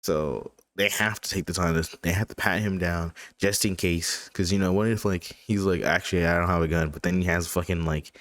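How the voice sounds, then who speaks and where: A man's voice: low voice, fairly even intonation, normal speed, hardly any pauses, dry recording. A man giving rambling, casual reaction commentary on a video, swearing freely.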